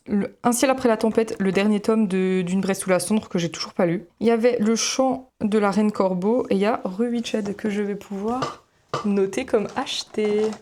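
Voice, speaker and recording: A woman's voice: mid-range voice, darkish tone. A young woman, a student vlogger, talking casually and rambling as she flips through her notebooks, with plenty of fillers and self-corrections. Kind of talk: casual chat while flipping through notebooks.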